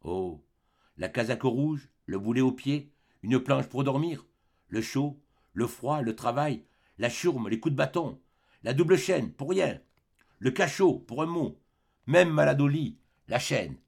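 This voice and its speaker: A man reading the part of a weary ex-convict in his forties in an audiobook, low and bitter. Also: expressive, unhurried, creaky, a little mellow.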